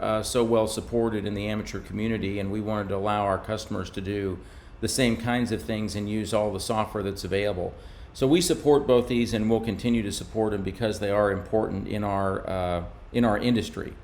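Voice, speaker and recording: Speaking for a radio company, a man with a somewhat low, darkish voice talks through technical material at a measured, relaxed pace, much like a slide walkthrough. Faint noise can be heard underneath.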